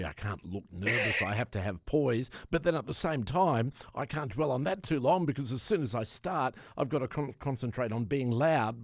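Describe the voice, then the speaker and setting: A man's voice: medium pitch, creaky, darkish tone, no echo, clean studio sound. A man hosting a conversational interview, asking inquisitive questions and reacting with folksy exclamations. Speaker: interviewer, host.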